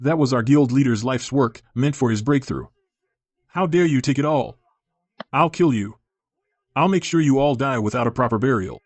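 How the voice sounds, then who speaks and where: A man's voice: mid-range voice, normal speed, no echo, natural voice. A man voicing a hot-headed villainous henchman in an overacted, melodramatic English dub. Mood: enraged.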